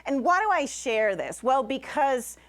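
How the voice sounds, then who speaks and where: Speaking at a live public event, this invited science communicator from Puerto Rico, a Spanish-speaking woman, has a high voice with big pitch swings. She keeps a measured pace and an emphatic style, frequently listing in short phrases.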